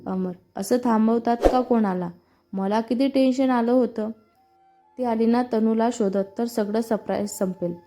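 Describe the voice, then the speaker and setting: A woman reading a storybook part as a worried young man, anxious and gently reproachful toward the girl he cares for. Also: a little high, fairly even intonation, measured pace, soft background music, lightly acted.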